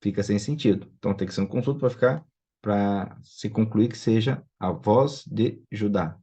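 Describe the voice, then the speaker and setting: A man's voice: fairly low pitch, moderate pace, warm tone, husky. A man teaching a recorded online lesson, explaining patiently and often checking in with his students. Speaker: Biblical Hebrew teacher. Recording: dull lo-fi recording.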